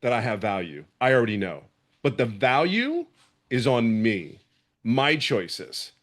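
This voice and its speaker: On a video call, a middle-aged Philadelphia man with a local accent delivers a heartfelt testimonial as a member of the program. His mid-range voice is a bit bright and very animated, though unhurried. Passionate and emphatic, he tends to say things more than once.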